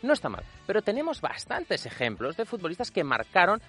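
A man's voice: sits high, huge pitch swings, fairly quick, a bit bright, husky, soft background music. A middle-aged man telling football stories on a radio show, explaining at length with many fillers and repetitions. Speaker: regular football storyteller guest. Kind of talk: conversational storytelling on radio.

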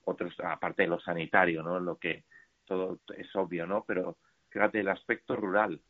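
A deep-voiced man calls into a radio show and talks about his startup event. He hesitates a lot, with fillers and restarts. The line is thin and tinny, like a phone. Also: level tone, moderate pace.

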